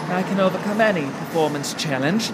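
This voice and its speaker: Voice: medium pitch, a little fast. Grandiose theatrical performer, noisy recording. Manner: theatrical, grandiose, self-dramatizing. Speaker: stage performer. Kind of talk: comedic mockumentary talk. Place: car parked in a lot, then small restaurant.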